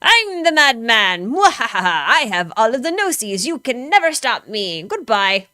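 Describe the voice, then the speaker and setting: A woman's voice: a little high, sing-song, unhurried, pushed and bright, no room sound, studio quality, heavily acted. A woman putting on a gloating male mad scientist villain, cackling theatrically.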